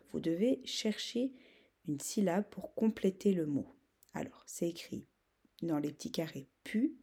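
A woman's voice: on the low side, vocal fry, dark tone, slightly rough. A woman teaching young children to read, patiently spelling out sounds and words. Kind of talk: reading lesson for young children.

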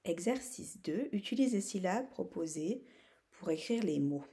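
A woman teacher giving a phonics lesson to young pupils, saying each example word slowly and stretching out the syllables. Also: on the low side, animated, warm tone. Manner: drawn-out syllable-by-syllable word modeling.

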